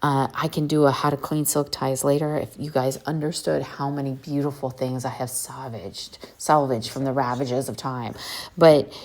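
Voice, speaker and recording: A woman's voice: a bass voice, steady tone, normal speed, a little mellow. A woman hosting a casual how-to video, chatty and eager, talking straight to her viewers. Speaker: vintage reseller host. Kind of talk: casual how-to talk to camera.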